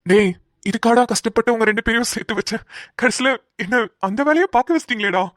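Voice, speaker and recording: A woman's voice: on the high side, expressive, fast, no room sound, studio quality, lightly acted. A woman voicing an exasperated young male police officer in a cartoon, scolding and fed up. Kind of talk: cartoon voice acting.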